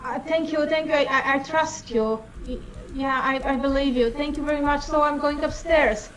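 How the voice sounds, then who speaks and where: A woman's voice: sits high, fairly even intonation, normal speed, fairly bright tone, slight background noise, poor audio. A woman playing a naive young woman who dreams of film stardom, in an improvised film-noir comedy scene; she talks hesitantly, stammers and giggles. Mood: naive, eager.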